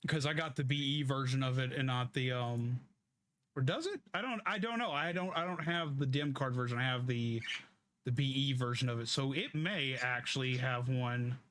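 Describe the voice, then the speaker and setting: A man's voice: medium pitch, moderate pace. Casual man streaming games, faint noise. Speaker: game streamer. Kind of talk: casual gaming commentary.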